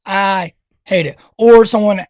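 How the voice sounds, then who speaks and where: A man's voice: high voice, measured pace, darkish tone, dry recording, studio quality. A man co-hosting a casual podcast, ranting with lots of swearing and laughter. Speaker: podcast co-host. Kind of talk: casual chat.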